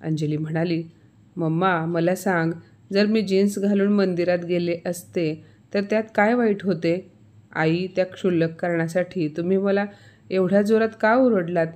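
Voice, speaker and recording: A woman narrating a scripted family story, reading every character's lines in one steady voice. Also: fairly low pitch, normal speed.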